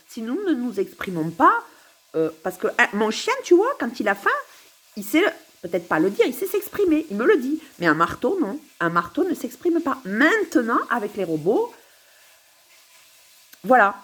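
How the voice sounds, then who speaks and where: Husky, musing woman rambling to camera. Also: mid-range voice, fairly bright tone. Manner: musing, giggly, repeats herself. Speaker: vlogger. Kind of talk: rambling philosophical monologue to camera. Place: at home.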